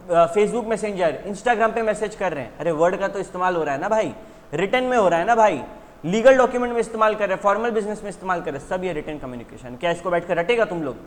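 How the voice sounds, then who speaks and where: A man's voice: sits high, big-room sound. A man teaching an exam revision lesson in a conversational way, asking his students questions and then answering them himself. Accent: Indian English words.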